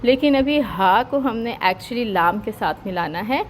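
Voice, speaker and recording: Pakistani woman tajweed teacher, fairly high voice, patient step-by-step explanation with slow recitation, faint hiss behind. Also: expressive. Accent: Pakistani Urdu. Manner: explains step by step, checks with "theek hai"; slow drawn-out recitation of verses. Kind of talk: Quran recitation lesson.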